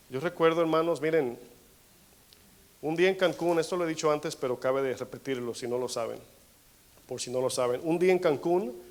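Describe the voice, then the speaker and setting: A man preaching a sermon as pastor, telling a personal story and calling the listeners brothers. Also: on the high side. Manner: acts out dialogue, swings between soft asides and raised bursts.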